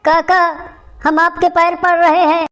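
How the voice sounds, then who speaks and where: A woman's voice: very high-pitched, little pitch movement, a little slow, a bit bright. A woman voicing a lovesick young man in a cartoon comedy, begging and pleading in a tearful way.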